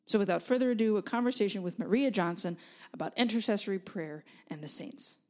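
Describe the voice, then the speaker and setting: A woman's voice: medium pitch, fast talker, darkish tone. A woman hosting a podcast, introducing her guest and asking questions in an upbeat, conversational way. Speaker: podcast host.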